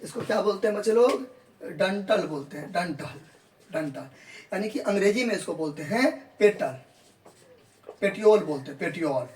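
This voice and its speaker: A man's voice: high-pitched, lively intonation, moderate pace, a little mellow, slight background noise. A man teaches biology in a classroom style. He repeats each point and answers his own questions. He coaxes the students along as he shows them a real leaf. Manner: calls students "babu log" in a coaxing tone.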